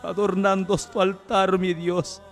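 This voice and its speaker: A man prays fervently for healing in a Pentecostal manner, pleading and exclaiming and crying out praise over and over. His voice is high-pitched and slow, with little change in pitch, and music can be heard behind it.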